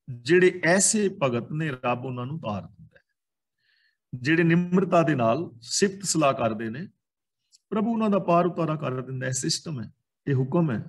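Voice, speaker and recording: Calm Punjabi man explaining scripture. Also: mid-range voice. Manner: calm explanatory, pauses between short phrases. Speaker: Sikh scripture teacher.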